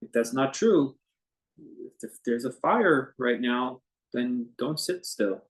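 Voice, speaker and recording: Leading a guided meditation, a male teacher uses an expressive, medium-pitched voice. He speaks conversationally and unscripted, in soft, halting phrases separated by long pauses.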